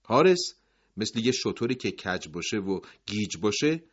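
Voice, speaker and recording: Husky male storyteller. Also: on the low side, sing-song, lo-fi sound. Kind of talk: dramatic story narration.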